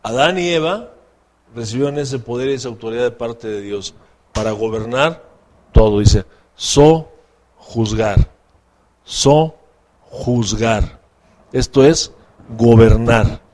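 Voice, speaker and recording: A man's voice: mid-range voice, slow pace, pauses often, darkish tone. A man preaching a sermon as pastor, asking the congregation questions and acting out quoted voices.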